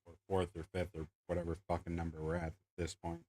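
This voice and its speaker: A man's voice: low voice, completely flat delivery, fast talker, a little mellow. Laid-back cursing man streaming games. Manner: laid-back, profane, laughs while arguing. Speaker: streamer host. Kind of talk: casual gaming stream chat. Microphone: voice chat mic.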